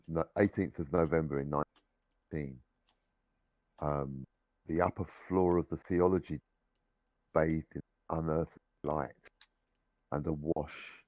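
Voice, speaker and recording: A low-voiced man narrates a tabletop horror game as game master, speaking haltingly with fillers. His voice-chat audio is glitchy and keeps cutting out mid-sentence. The sound is dry and close. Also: a little mellow, no room sound, poor audio. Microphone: online voice chat.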